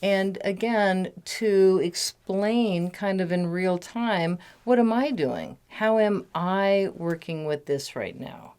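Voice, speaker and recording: A woman, a meditation teacher, leading a guided mindfulness meditation over a phone call. She speaks gently and keeps talking steadily. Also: medium pitch, slow pace, hardly any pauses, clear, resonant tone. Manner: gentle, talks a lot to cover background noise.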